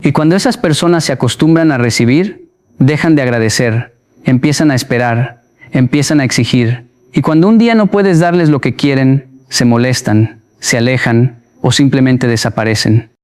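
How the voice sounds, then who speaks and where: A man narrating a motivational voice-over in a measured, emphatic way, with short, punchy phrases. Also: mid-range voice, a little mellow.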